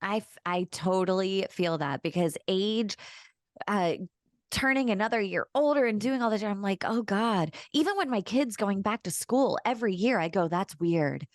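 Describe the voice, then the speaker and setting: A woman in her forties co-hosting a podcast, upbeat and encouraging, quick to giggle. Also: medium pitch, lively intonation, no room sound, studio quality. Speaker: podcast co-host. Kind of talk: casual chat.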